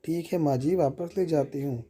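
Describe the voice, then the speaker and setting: A man voicing a patient, dutiful young daughter-in-law who answers calmly in a story reading. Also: fairly high pitch, moderate pace, husky. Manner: calm, soft-spoken.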